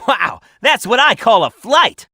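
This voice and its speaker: A man's voice: very high-pitched, sing-song, measured pace, creaky, bright, forceful tone, slight background noise, exaggerated voice. A man voicing a cocky, daring young hedgehog hero in a video game, with a breezy, confident manner. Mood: excited, cocky.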